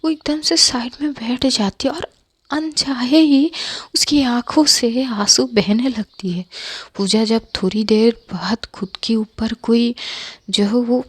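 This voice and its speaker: Casting: high-pitched woman narrator, husky and hushed, intimate storytelling. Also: slow, no room sound. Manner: soft, half-whispered, intimate delivery.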